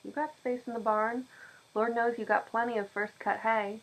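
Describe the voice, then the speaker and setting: A woman's voice: a little high, steady tone, moderate pace, poor audio. A woman doing a teasing old country handyman. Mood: eager. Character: folksy older male farm handyman, teasing.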